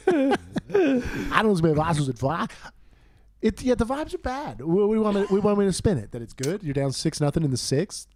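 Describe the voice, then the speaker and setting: A man's voice: sits high, big pitch swings, moderate pace, long pauses, darkish tone, a little hiss or hum. A man hosting a casual sports watch-along stream, swearing and laughing often into a headset mic. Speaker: livestream host.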